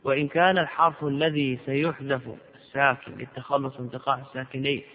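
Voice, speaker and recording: A male teacher delivers a measured classroom lecture at a mid-range pitch. He keeps posing questions and answering them himself. The sound is dull and lo-fi, with a long reverb trailing behind him in a large hall. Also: level tone. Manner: deliberate, poses and answers his own questions. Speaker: sheikh teaching grammar.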